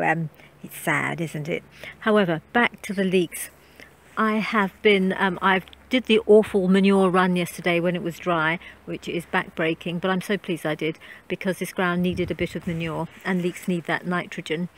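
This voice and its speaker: A middle-aged woman, a gardening vlogger, chats casually about her garden while filming outdoors on a handheld phone camera. Her voice is on the low side and she says "um" frequently. There is slight background noise.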